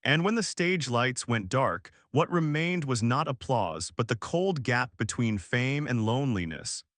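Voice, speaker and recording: A man reading a scripted documentary narration in a measured, dramatic storytelling manner. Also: mid-range voice, animated, a bit bright, dry recording, clean studio sound.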